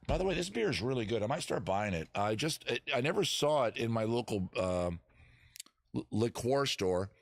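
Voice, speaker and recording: Hosting a live music and chat stream from home in the backyard, a man rambles casually to viewers, jokes at his own expense, swears freely, and improvises a bit of singing. His medium-pitched voice swings widely in pitch at a normal speed, and the recording is dry.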